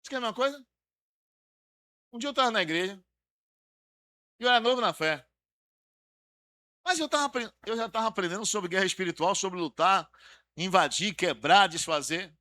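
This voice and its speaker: A man preaching a dramatic sermon as pastor, acting out quoted voices and swinging between soft passages and loud exhortation. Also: sits high, moderate pace, long pauses.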